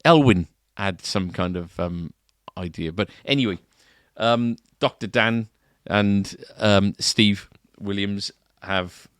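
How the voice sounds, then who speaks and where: A man with a very low voice chats casually on a shop podcast, tossing in frequent tag questions. The recording is close and dry, with no room echo. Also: slow pace, few pauses, fairly bright tone. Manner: chatty, with rising tag questions. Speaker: podcast co-host at a guitar shop. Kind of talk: casual chat. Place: shop, indoors.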